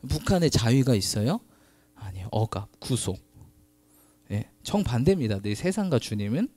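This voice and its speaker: A male pastor preaching to his congregation in a chatty, questioning way. His pitch swings widely from low to high as he talks. The sound is dry and close, with little room echo. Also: sing-song, moderate pace, darkish tone. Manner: laughs often mid-sentence. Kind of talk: sermon.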